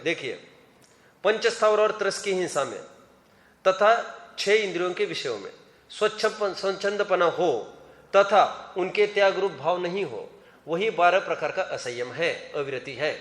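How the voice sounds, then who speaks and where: Male scripture teacher with a high voice who quizzes his students, recorded in a roomy hall with a long echo. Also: animated, normal speed, fairly bright tone. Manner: questions students by name, urges hands up. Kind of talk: classroom scripture lecture. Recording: echoey hall reverb.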